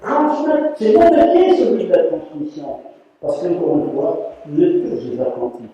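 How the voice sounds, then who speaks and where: This storytelling talk comes from an older rug weaver with a high-pitched voice and a moderate pace, who animatedly impersonates the people in his tales. Recorded far off in a big hall, the audio is muffled and echoey.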